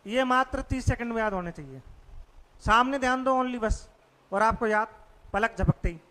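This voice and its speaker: A man's voice: very high-pitched, moderate pace, pushed and bright, long reverb tail. A male teacher giving a classroom vocabulary lesson, quizzing students with repeated questions. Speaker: English teacher.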